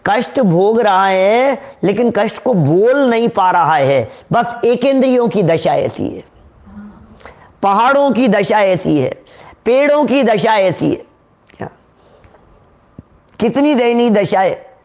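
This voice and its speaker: Man, devotional sermon, rhetorical, high-pitched, slow. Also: lively intonation, a little mellow. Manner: rhetorical, questions the audience, sings verses slowly. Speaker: Jain preacher. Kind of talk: devotional sermon with sung verses.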